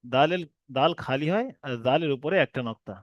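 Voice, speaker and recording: A man teaching an online reading class, who explains patiently and drags out each letter name slowly. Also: fairly high pitch, lively intonation, dry recording, muffled recording. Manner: explains patiently, repeats letter names slowly with long drawn sounds. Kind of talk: recorded online class lesson.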